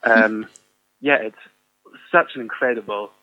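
A man's voice: on the low side, measured pace, muffled recording. A man in his twenties with a Fife Scottish accent, chatting enthusiastically as a guest on a podcast. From Fife, Scotland. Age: 20s. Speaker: podcast guest, amateur theatre performer. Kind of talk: casual podcast conversation.

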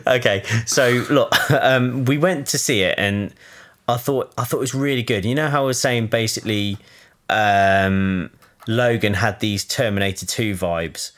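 Man, thirties, mid pitch, playful rambling co-host banter. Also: a bit bright. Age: 30s. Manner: jokey, rambling, quick bursts. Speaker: podcast co-host. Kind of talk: casual podcast chat.

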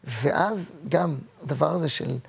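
A man in his sixties, a guest actor and comedian, telling personal stories in a halting, emotional way with many repeats. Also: a little high, gravelly, husky. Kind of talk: personal interview storytelling.

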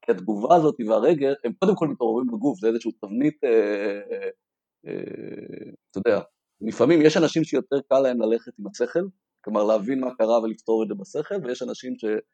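A man explaining in a reflective, casual way, halting with many fillers and restarts. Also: mid-range voice, warm tone, slightly rough, no echo. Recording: dry, dull-sounding mic.

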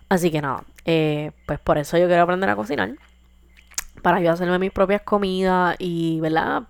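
A woman, hosting a podcast in casual chat, animated and joking, slipping into English asides. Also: lowish voice, vocal fry, no echo. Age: 20s. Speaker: podcast host.

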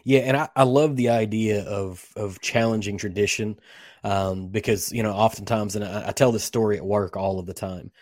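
A man with a lowish voice hosts a casual interview. He talks in a roundabout way, building up questions with asides and examples. The sound is very dry and close. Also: steady tone, normal speed, dry recording. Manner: discursive, illustrates points with stories and quotes. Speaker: podcast interviewer, host. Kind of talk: conversational interview.

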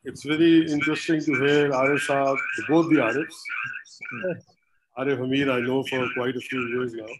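A man with an average-pitched voice speaks conversationally as a panelist. His remote connection carries clear noise behind the voice. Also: level tone, normal speed. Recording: noisy remote call connection.

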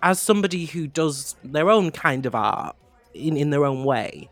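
A man's voice: a little high, animated, normal speed, a bit bright, dry recording. A man co-hosting a podcast, talking in an earnest, gushing way and often restarting his phrases. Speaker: podcast co-host. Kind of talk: casual fan chat.

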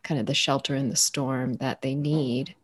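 A low-pitched woman guest reflects aloud in an interview. She muses gently, circling back with soft fillers as she reaches for the right phrase. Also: fairly even intonation, normal speed, husky. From United States. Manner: thoughtful, searching for words with many fillers. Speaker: author and guest.

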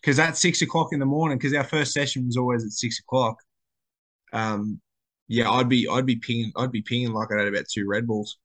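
A man's voice: mid-range voice, steady tone, brisk, a bit bright. An Australian man in casual podcast chat, telling stories and repeating phrases for emphasis. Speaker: podcast co-host.

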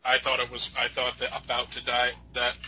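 A man's voice: medium pitch, completely flat delivery, a little fast, background noise. A man co-hosting a casual podcast chat, joking around, his voice muffled and tinny as if talking into a can. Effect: muffled tin-can mic sound. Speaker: podcast co-host. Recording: dull lo-fi mic.

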